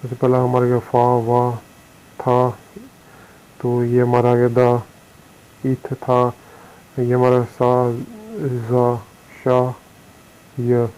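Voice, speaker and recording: Male teacher with an Indian accent, monotone and mellow-toned, slow and repetitive board-lesson delivery. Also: mid-range voice, poor audio. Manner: slow, repetitive explanation with frequent fillers. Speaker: shorthand teacher. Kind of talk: recorded lesson explaining on a board.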